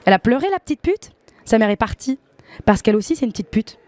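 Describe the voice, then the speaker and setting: A woman voicing a cruel schoolboy bully who taunts a girl in a quick, mocking way. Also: on the high side, big pitch swings, a little mellow, dry recording. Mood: jeering.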